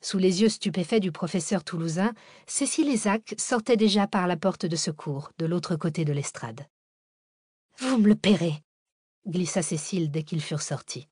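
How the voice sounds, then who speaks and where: Low-voiced woman narrating a thriller. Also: normal speed, darkish tone, husky, dry recording, studio quality.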